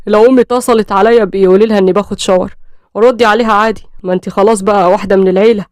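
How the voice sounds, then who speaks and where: A woman with an Egyptian accent voicing a calm, courteous and pious young husband who speaks kindly. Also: mid-range voice, rapid-fire, no echo, clean studio sound, natural voice. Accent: Egyptian Arabic. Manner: calm, kind, reassuring.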